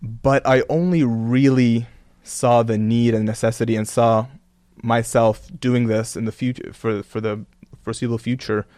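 A man with a medium-pitched, darkish voice speaks steadily at normal speed, with no echo. He's a religious content creator raised in Kuwait and Canada, appearing as a guest in a casual interview, earnest and reflective and heavy on "you know" fillers.

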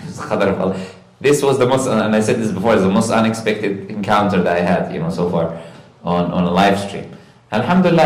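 A man earnestly telling a story in conversation, animated and sprinkled with religious phrases. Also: on the low side. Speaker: guest recounting a live stream encounter. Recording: roomy echo.

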